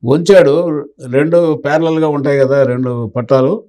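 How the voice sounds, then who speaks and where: An older man tells stories from his police years, slipping into the voices of the people in them. His voice is dark and mellow, and he talks at an ordinary pace. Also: on the high side, steady tone, moderate pace. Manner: anecdotal, acts out quoted dialogue. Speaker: retired police officer recounting memories. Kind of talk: storytelling in an interview.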